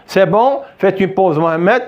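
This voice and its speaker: In a classroom with a board, a man teaches a French lesson at a measured pace, his animated voice sitting high and the recording's highs cut off. He patiently repeats words and often checks that the students are following.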